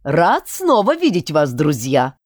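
A woman's voice: deep voice, huge pitch swings, measured pace, darkish tone, no room sound, clean studio sound, full character voice. A woman voicing a courtly necromancer villain. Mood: genial menace. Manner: courteous, mock-regretful politeness. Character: genial scheming male necromancer prince, villain. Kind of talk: audiobook character voicing.

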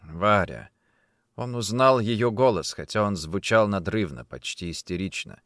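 A man narrating an audiobook in a dramatic, expressive reading. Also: lowish voice, moderate pace, no echo, clean studio sound. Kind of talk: scripted narration.

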